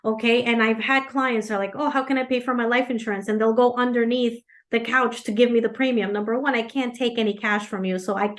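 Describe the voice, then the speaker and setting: Chatty high-voiced woman on a call. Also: fairly even intonation, a little fast, hardly any pauses. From Ecuador. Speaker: financial advisor. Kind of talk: seminar presentation on video call. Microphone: video call.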